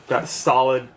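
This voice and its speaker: A man playing a tabletop game, joking with playful bravado. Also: slight background noise. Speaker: player. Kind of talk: casual tabletop play.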